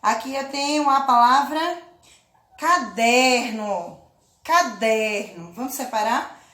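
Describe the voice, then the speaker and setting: A woman teaching a children's lesson, speaking slowly and patiently, drawing out words and often checking in with her listeners. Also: high voice, animated, fairly bright tone, roomy sound, slight background noise. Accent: Brazilian Portuguese. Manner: slow, patient, drawn-out syllables with check-in questions. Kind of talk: children's lesson, clapping out syllables.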